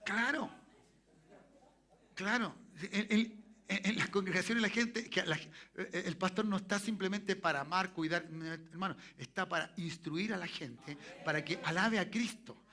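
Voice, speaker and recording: A man's voice: high voice, unhurried, sharp tone. A Chilean man preaching a sermon as pastor in a church, often asking the congregation for an amen. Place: church sanctuary.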